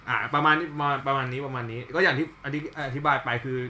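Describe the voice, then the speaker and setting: Male podcast host, quick and crisp, slangy with friends, polite to listeners. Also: mid-range voice, fairly even intonation, bright, forceful tone, a little hiss or hum. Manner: loose and swearing among friends, polite when addressing listeners. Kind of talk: casual podcast chat, reading out facts.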